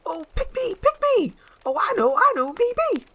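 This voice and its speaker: Chatty donkey sidekick woman performer, bubbly, eager and high, very animated story delivery. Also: normal speed, heavily acted. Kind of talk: dramatized screenplay reading.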